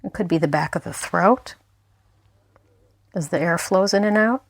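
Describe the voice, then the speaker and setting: A woman mindfulness instructor guides a meditation gently and without hurry, pausing between phrases. Her voice is lowish, and the recording is dry.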